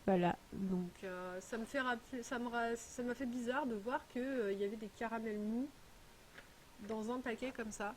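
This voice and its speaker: A woman's voice: fairly high pitch, normal speed, a little hiss or hum. A woman vlogger chatting casually while unboxing a parcel, rambling and full of hesitations. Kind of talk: casual chat.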